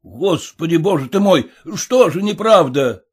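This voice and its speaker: Man doing a flustered booming circus announcer. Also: expressive, unhurried, a little mellow, slightly rough. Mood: exasperated. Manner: bellowing, exasperated, pleading. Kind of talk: audiobook reading.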